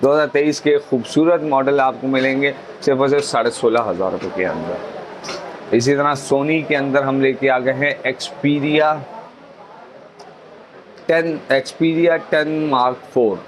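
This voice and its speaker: A man's voice: mid-range voice, moderate pace, background noise. A man with a Pakistani accent presenting products for a phone shop in a repetitive, salesman-like promotional patter. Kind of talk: promotional sales pitch listing phone models and prices.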